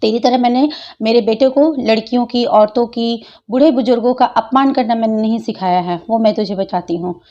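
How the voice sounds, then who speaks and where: A woman's voice: on the high side, brisk, dark tone, muffled recording. A woman, taunting and scolding a critic in a home vlog reply.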